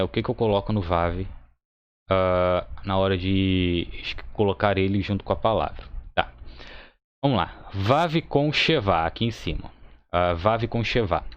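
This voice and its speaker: A man's voice: on the low side, dry recording, highs cut off. A man teaching Hebrew grammar in a recorded online lesson, explaining patiently and checking in with "tá?" after each point. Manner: explains patiently, says "tá?" often, thinks aloud with fillers.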